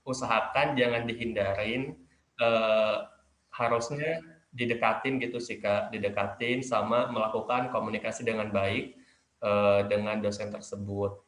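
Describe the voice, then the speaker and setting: A man's voice: on the low side, steady tone, measured pace, fairly bright tone, roomy sound. A young man answering interview questions as a graduating student, polite and hesitant with many fillers. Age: young adult.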